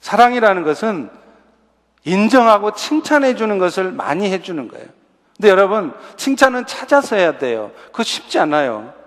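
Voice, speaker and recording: A man with a notably high voice preaches a sermon, talking to his congregation in a conversational way and asking them rhetorical questions. His words ring out with a long reverb, as in a large church sanctuary. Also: very animated, moderate pace. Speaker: pastor.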